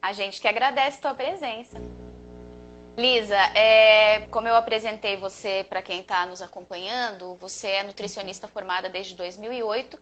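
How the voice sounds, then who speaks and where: A woman's voice: mid-range voice, steady tone, moderate pace, fairly bright tone, faint music behind, poor audio. A woman therapist hosting a live video interview, welcoming her guest and presenting the show's questions. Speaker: therapist and live-show host.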